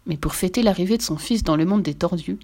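A woman narrating a children's story aloud with expressive, playful delivery. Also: on the low side, quick pace.

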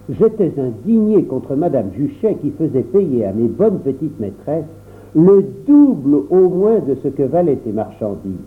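A man narrates a children's story in a measured, storytelling way. His pitch is animated and varied. The sound is thin and phone-like. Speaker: audiobook narrator. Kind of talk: reading a children's novel aloud.

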